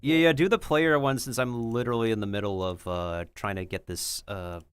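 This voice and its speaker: A man's voice: fairly low pitch, steady tone, fairly quick, clear, resonant tone, dry recording. A man hosting a livestream, chatting casually in a rambling way peppered with filler words. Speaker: streamer and host.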